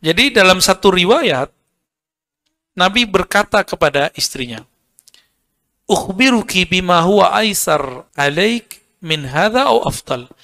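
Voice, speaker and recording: A man's voice: high-pitched, animated, takes it slowly, long pauses, sharp tone. A man giving an informal religious lecture, joking, chatting with the audience and quoting Arabic verses. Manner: joking, conversational, quotes Arabic and addresses audience as Pak. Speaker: Islamic preacher.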